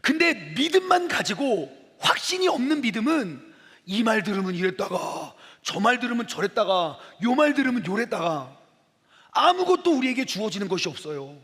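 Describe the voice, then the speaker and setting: A man's voice: sits high, moderate pace, breathy edge. A middle-aged man preaching at a youth camp, acting out dialogue scenes with the crowd. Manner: animated, acts out dialogue with the audience. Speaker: pastor. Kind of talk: lively youth camp sermon with acted skits. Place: large hall. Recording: long hall reverb.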